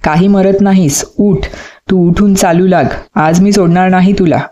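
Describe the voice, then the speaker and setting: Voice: mid-range voice, steady tone, normal speed, warm tone, natural voice. A reader voicing a stern village mother who scolds and commands her son in a storybook reading. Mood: angry scolding.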